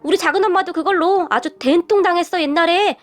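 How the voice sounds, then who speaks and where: A woman voicing a grown son who fusses and gets excited about his mother. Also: extremely high pitch, fast talker. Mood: knowing. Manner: excitable, fussing.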